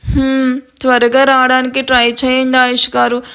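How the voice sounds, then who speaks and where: A woman's voice: high voice, completely flat delivery, normal speed, a bit bright, clear, resonant tone. A woman reading the lines of a tender young wife, tearful and recovering from surgery, in a storybook. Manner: tender, pleading.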